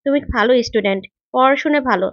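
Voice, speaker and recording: A woman voicing a stern, quick-tempered young male tutor who scolds with sharp questions. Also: fairly high pitch, dry recording, close to an everyday voice. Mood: scolding. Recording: dull, lo-fi recording.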